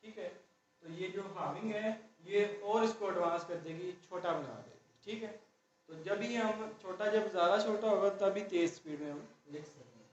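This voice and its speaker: A man teaching a shorthand class, explaining step by step and often checking in with the students. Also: sits high. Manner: slow, explaining step by step, repeating "ठीक है" often. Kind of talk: classroom lesson. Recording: dull far-off echoey room recording with faint noise.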